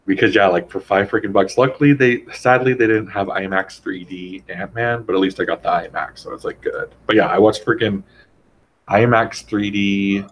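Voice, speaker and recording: A young man in casual chat, rambling and animated as he retells things, heavy on "like". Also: fairly low pitch, moderate pace, slight background noise, low-quality recording.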